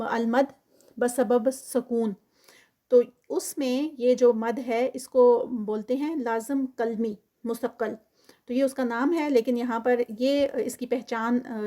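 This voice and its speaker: A woman teaching Quran tajweed, reciting slowly and drawn out, then explaining quickly in mixed with English terms. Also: fairly high pitch, mellow.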